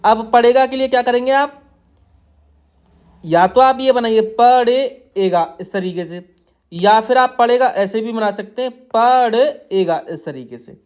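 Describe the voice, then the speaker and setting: A man's voice: very high-pitched, measured pace, darkish tone, clear, resonant tone. A man teaching shorthand outlines, explaining each stroke in a patient, repetitive way while drawing on a tablet. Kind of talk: tutorial explaining steno outlines.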